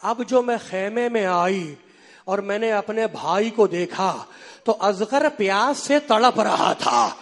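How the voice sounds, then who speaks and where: A man delivering an impassioned mourning sermon, half chanting and crying out in sing-song wails that rise to shouts. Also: sits high. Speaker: preacher reciting a mourning sermon. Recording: long hall reverb with faint crowd.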